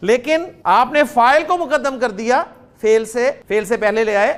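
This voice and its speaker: A man's voice: extremely high pitch, fairly bright tone. A man from Pakistan, giving a classroom grammar lecture and drilling students with questions. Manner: deliberate, drills students with questions, spells out sounds slowly. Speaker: Arabic grammar teacher.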